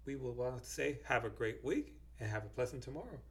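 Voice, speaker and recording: A man's voice: mid-range voice, animated, a little fast. A man co-hosting a casual podcast, rambling with fillers and laughing often. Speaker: podcast co-host.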